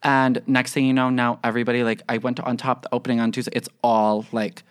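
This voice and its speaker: A young man chats as a guest in a podcast studio. He rambles with lots of "like" and gets excitable and loud, close on the mic. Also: mid-range voice, fast talker, clear, resonant tone. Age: young adult. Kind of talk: casual chat.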